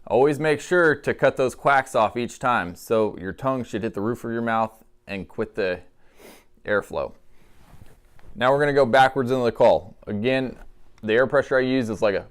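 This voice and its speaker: Clear-voiced man giving a casual how-to. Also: medium pitch, normal speed. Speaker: duck calling instructor. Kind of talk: instructional demonstration, casual.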